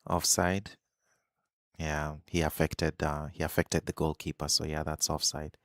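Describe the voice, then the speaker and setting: A man with a very low voice hosts a live football watch-along stream. He chats at an easy, relaxed pace, musing aloud and reacting to the match as it happens. His voice sounds dry and close, with no room around it. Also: measured pace, no echo. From Kenya.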